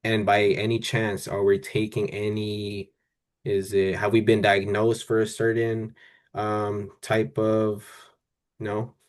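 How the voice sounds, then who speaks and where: A man with a fairly low voice plays a therapist in a one-on-one counselling session. He is calm and gentle. His questions come out haltingly and tentatively, and he often rewords them as he goes. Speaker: therapist in a role-play session. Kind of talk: counselling role-play, unscripted conversation.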